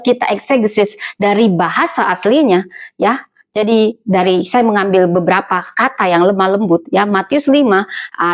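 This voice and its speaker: A woman pastor preaching a Sunday sermon in a church service, lively and emphatic, often asking the congregation questions. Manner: lively preaching with rhetorical questions, addresses listeners as brothers and sisters; emphatic, swings pitch up on key words.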